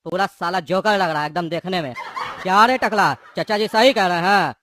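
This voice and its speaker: A man's voice: high-pitched, moderate pace, fairly bright tone, slight background noise. A voice actor playing a hot-tempered male gangster in a cartoon, taunting and threatening. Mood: mocking. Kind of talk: cartoon voice acting.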